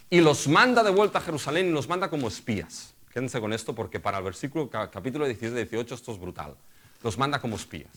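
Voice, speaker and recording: Addressing the congregation as brothers and continually asking them rhetorical questions, a middle-aged man preaches a sermon. His pitch is fairly high and his tone a bit bright.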